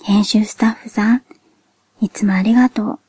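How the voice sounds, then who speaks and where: A woman podcast host speaking a soft, whispered monologue in a cute, childlike anime-like voice, gently and politely. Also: mid-range voice, steady tone, slightly rough, dry recording. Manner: gentle, polite, measured delivery.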